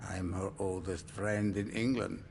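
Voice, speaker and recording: An actor playing an old, dying Romanian print-shop keeper, guarded and gruff, then reflective. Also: male voice, low voice, little pitch movement, a little slow. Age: older. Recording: game audio with loud background music.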